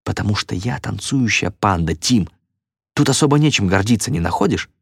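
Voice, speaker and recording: A man's voice: on the low side, lively intonation, normal speed, creaky, breathy edge, no room sound, studio quality, full character voice. A man voicing a weary, embarrassed father who speaks in a tired, clipped way in a storybook reading.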